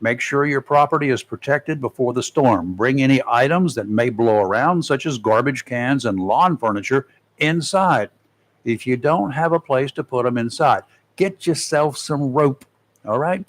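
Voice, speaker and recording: Animated and at normal speed, a man with a mid-range voice hosts a local radio talk show from the studio. Between casual talk he reads a segment of safety tips, sprinkling in folksy, joking asides.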